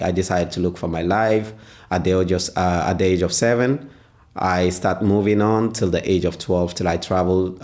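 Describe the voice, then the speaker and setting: A man, answering interview questions as a father, pausing often and searching for words. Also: low voice, darkish tone. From Ghana. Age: 20s. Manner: hesitant, pauses often with "uh".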